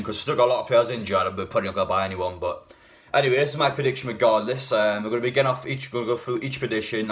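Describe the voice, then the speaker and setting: A man's voice: fairly low pitch, fairly bright tone. A man, a bit hungover, giving a casual, blunt and rambling opinionated talk as a football fan video host.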